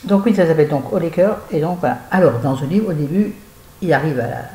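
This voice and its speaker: Chatty home vlogger, a woman with a mellow voice, rambling book review in a roomy space. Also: low voice, animated, quick pace. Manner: chatty, digressive, addresses viewers directly. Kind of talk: casual book review to camera. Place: at home with a fan nearby.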